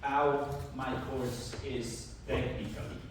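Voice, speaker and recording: A man's voice: mid-range voice, level tone, takes it slowly. Male professor, loose classroom delivery, distant roomy mic. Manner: informal, repeats words while teaching. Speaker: university lecturer. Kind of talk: classroom lecture. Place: university classroom. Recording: echoey classroom from far off with noise.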